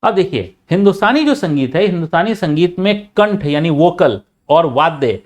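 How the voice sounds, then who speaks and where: A man giving an explanatory lecture on music, full of filler phrases and restarts, and at times he shows loud and soft speaking as he talks. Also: on the high side, sing-song, normal speed. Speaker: teacher.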